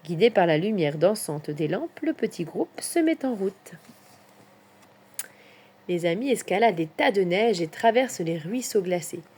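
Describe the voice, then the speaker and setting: A woman narrating a children's Christmas story in an expressive storyteller's manner. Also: mid-range voice, measured pace, slightly rough. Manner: expressive, lilting.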